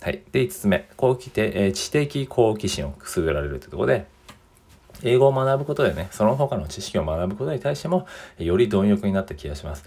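Fast-talking man with a gravelly low voice. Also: big pitch swings, a little mellow. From Japan. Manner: chatty, works through a numbered list; often restarts and corrects himself mid-phrase. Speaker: podcast host. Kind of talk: casual solo podcast monologue.

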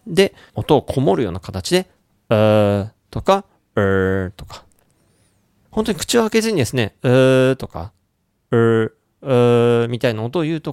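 A man hosting a radio-style English lesson, lively, demonstrating English sounds slowly and clearly. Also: mid-range voice, no echo, clean studio sound. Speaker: English pronunciation teacher and show host.

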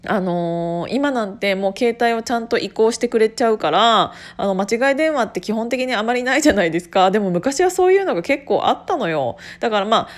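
A woman's voice: fairly high pitch, animated, fairly quick, hardly any pauses. A woman in her twenties from Gunma, hosting her own podcast in casual solo talk, chatty, with frequent laughs and fillers. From Gunma, Japan. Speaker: podcast host.

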